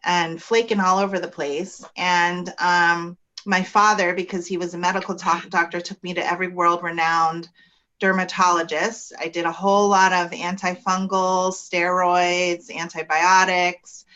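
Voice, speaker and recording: A woman naturopathic physician explaining her field in a measured way with frequent ums, speaking from her office. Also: on the low side, level tone, pushed and bright. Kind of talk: explanatory interview talk.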